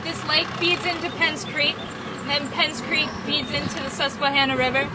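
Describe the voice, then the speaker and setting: High-voiced woman guiding over loud engine noise. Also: fairly even intonation, normal speed. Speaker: boat tour guide. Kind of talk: informal guided tour narration. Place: outdoors on a tour boat. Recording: noisy outdoor recording with engine rumble.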